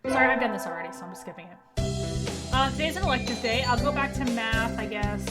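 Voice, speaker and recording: Casting: chatty woman streamer with a high voice, game music clear behind her. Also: quick pace. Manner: chatty, rambling, talks to her viewers. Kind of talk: casual let's-play chat.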